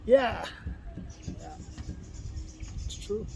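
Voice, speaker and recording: A woman's voice: drawn-out words, darkish tone, faint music behind. A woman in her fifties chatting casually, chiming in briefly and agreeably. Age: 50s. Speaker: vlog co-host. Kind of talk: casual chat. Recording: noisy ambient background.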